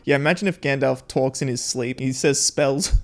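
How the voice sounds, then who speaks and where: A man at a middle pitch gives loose, chatty commentary while watching a film. He laughs easily and calls out to the characters. Soft music runs faintly behind him. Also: steady tone, normal speed. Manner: chatty, laughs often, talks back to the screen. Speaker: reaction video host. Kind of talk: casual film reaction commentary.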